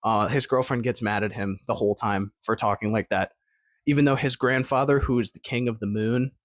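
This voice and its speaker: A man in his twenties, a vlogger, chats his way through rambling, upbeat stories to camera, with plenty of fillers and false starts. His voice is lowish, his tone steady, and he speaks fairly quickly; the recording is dry and clean, like a studio.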